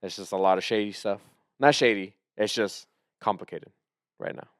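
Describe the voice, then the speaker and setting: A man co-hosting a podcast in casual chat, rambling and excitable, often trailing off and restarting. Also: on the low side, moderate pace, no echo, clean studio sound. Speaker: podcast co-host.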